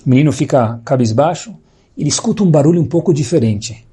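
A man giving a sermon as a religious teacher, telling a parable with sudden rises in pitch and drawn-out pauses. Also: expressive, dark tone, slightly rough.

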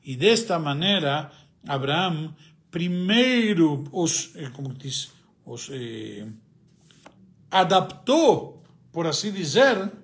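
Speaking slowly in a somewhat high, sing-song voice, this Argentine-accented man, whose native language is Spanish, gives religious instruction on the weekly Torah portion as a rabbi. He frequently hesitates while asking and then answering his own questions.

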